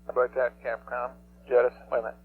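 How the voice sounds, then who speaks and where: A man's voice: mid-range voice, little pitch movement, quick pace, a little hiss or hum. A man speaking as a flight director over a radio loop, questioning and giving directions to his team. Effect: mission control radio loop. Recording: tinny, humming 1960s radio loop.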